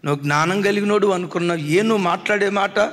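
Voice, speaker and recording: A man pastor voicing an indignant young mother in a story, firing back quick outraged retorts. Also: sits high, fairly bright tone. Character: indignant young mother refusing to sell her baby.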